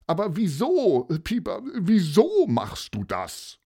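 A man's voice: fairly high pitch, big pitch swings, a little slow, a little mellow, breathy edge, pitched above the performer's own voice, full character voice. A man doing a flustered, stammering friend. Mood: startled. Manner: stammering, protesting. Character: startled, bewildered friend. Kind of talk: children's audio story acting.

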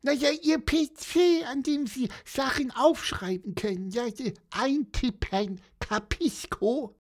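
A man piping as a squeaky excitable little bird. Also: slow pace, exaggerated voice. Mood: impatient. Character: excitable small male bird, chatty and quick-tempered.

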